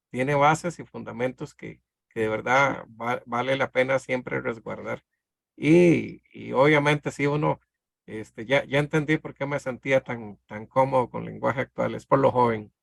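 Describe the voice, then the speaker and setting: Earnest Costa Rican church leader, gravelly, teaching informally. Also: male voice, mid-range voice, fairly bright tone, no echo, clean studio sound. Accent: Costa Rican Spanish. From Costa Rica. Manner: earnest, halting with repeated words. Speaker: church leader leading Bible study. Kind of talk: casual teaching in a church group.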